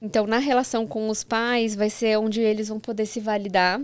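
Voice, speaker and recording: A woman's voice: mid-range voice, flat delivery, a little fast, smooth, no room sound. A woman, a mother, speaking as a guest in a casual chat, reflective and full of "né" tags, quoting others.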